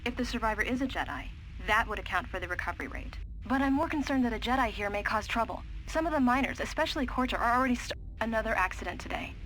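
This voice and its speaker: An actress playing a female medical officer on a mining station, reading brisk, matter-of-fact log entries in a video game. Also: on the high side, expressive, a bit bright, a little hiss or hum, poor audio. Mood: concerned. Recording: game audio under music.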